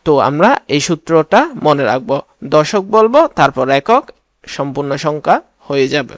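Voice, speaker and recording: A man with a Bangladeshi Bengali accent teaching a language lesson, speaking slowly and patiently and repeating each word so learners can say it along. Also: on the high side, sing-song, no echo.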